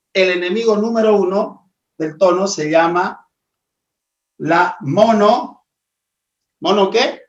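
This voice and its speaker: A man teaching a live webinar on presentation skills, in a didactic manner full of rhetorical questions. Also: high voice. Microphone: video call. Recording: echoey, distant, dull audio.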